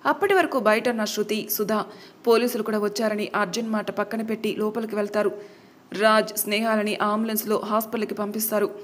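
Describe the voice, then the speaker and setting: A woman's voice: mid-range voice, steady tone, brisk. A woman storyteller narrating a dramatic family tale.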